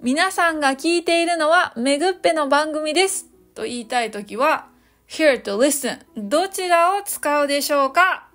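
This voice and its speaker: High-voiced woman teaching English. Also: lively intonation. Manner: cheerful, explains slowly, models English phrases slowly. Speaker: podcast host teaching English. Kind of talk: solo podcast English lesson. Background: soft background music.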